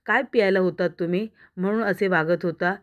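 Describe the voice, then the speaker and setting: A woman reading the lines of a sharp-tongued young wife who scolds her husband with pointed questions, in a story recap. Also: on the low side, close to an everyday voice. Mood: reproachful. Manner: reproachful, rapid-fire questions.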